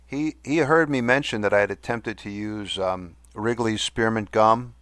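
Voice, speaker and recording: A man hosting a podcast in a casual, halting, good-humoured monologue, with a whistle on his S sounds. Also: fairly low pitch, a bit bright, no echo. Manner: halting, with good-humoured self-deprecating asides. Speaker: podcast host. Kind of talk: casual monologue reading listener mail.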